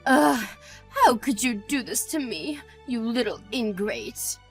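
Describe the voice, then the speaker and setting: Woman acting a high-pitched, hurt and angry mother-in-law. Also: animated, takes it slowly, faint music behind. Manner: indignant, hurt and angry, scolding. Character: haughty, cruel, self-pitying older mother-in-law. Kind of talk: scripted audio drama acting.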